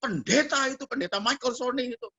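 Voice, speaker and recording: A man's voice: fast, sharp tone, exaggerated voice. A male pastor voicing a distraught young woman who pleads that she is ashamed. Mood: pleading. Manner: high, wailing and pleading.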